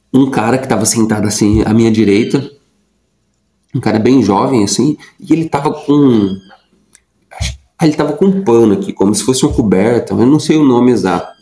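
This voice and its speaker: A man's voice: medium pitch, warm tone, roomy sound, poor audio. A young adult man telling a personal story in a casual, rambling way, with lots of fillers and repeated words. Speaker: vlogger.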